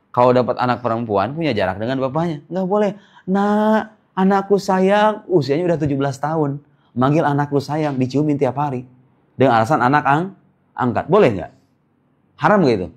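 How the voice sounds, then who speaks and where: A male Islamic preacher giving a casual religious lecture, quizzing listeners with rhetorical questions and jokey asides. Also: medium pitch. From Indonesia.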